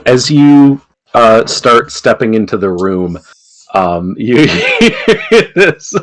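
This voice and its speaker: A man narrating a tabletop game as game master. He talks slowly and hesitantly, stopping often for fillers, while his pitch rises and falls a lot. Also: big pitch swings, low-quality recording. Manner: hesitant with many fillers, giggly.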